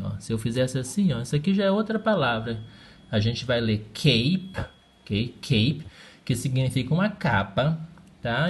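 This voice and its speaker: A man's voice: medium pitch, a little mellow, a little hiss or hum. Patient man teaching English. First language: Portuguese. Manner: patient, checks in often with "tá ok?". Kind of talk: recorded lesson at a whiteboard.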